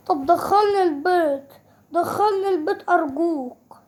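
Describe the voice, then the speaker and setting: A woman with an Egyptian Arabic accent commenting on a game she is playing, excitable and teasing, jumping between loud cries and quick mutters. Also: very high voice, slight background noise. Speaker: gaming YouTuber.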